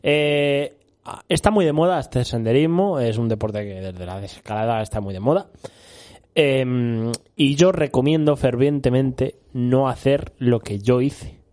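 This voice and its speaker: A man's voice: medium pitch, unhurried, a little mellow. A young man from Spain, co-hosting a casual chat and telling a rambling story, often laughing and saying "tío". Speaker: co-host.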